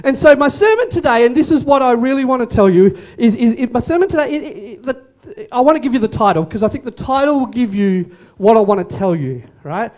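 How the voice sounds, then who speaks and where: A man preaching a lively sermon, joking and calling on the congregation to answer back, often repeating his words. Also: very high-pitched, a little fast. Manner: animated, joking, repeats words, calls on audience. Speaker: pastor. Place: church service room.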